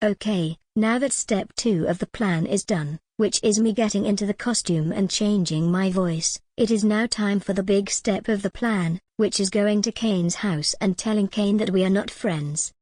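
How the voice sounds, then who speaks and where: A woman's voice: medium pitch, moderate pace, hardly any pauses, a little mellow, no echo, studio quality, natural voice. A woman voicing a female plant-eating dinosaur from a children's show, in stiff, evenly worded cartoon dialogue. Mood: scheming.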